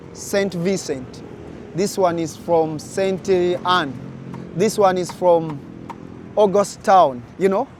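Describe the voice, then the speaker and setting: A young man from Uganda speaks to his viewers at a very slow, deliberate pace, his voice sitting a little high. He sounds earnest and direct, recorded outdoors with faint street noise behind him. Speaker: vlogger. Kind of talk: casual talk to camera.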